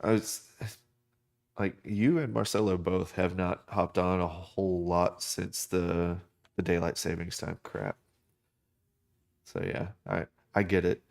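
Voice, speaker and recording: A man's voice: sits low, a little slow, vocal fry, a little mellow. A man from the United States chatting casually on a drawing live stream, rambling with many fillers and restarts.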